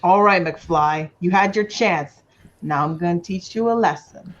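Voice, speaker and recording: A woman with a fairly low voice reads threatening lines in an offhand, casual way. The sound is dull and lo-fi. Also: a little slow. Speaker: table read participant reading the bully. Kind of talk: casual script table read.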